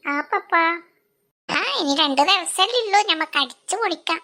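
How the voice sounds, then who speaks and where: A woman performing a comic family skit, switching quickly between scolding, teasing and calling out to children. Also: very high-pitched, lively intonation, bright, forceful tone. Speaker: comedy sketch performer.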